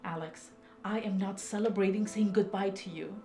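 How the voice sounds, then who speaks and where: Middle-aged mom for family drama female actor: medium-pitched, weary, evasive, gently firm delivery. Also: steady tone, moderate pace, creaky, close to an everyday voice. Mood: resigned, stubborn. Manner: placating, firm, dismissive. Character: weary, evasive, stubborn mother of a grown son. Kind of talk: naturalistic film drama dialogue.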